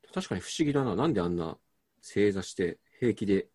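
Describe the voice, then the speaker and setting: A man's voice: lowish voice, expressive, brisk, a little mellow, slightly rough. A man co-hosting a casual comedy chat, easygoing, mostly agreeing with short replies and adding dry asides. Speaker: co-host.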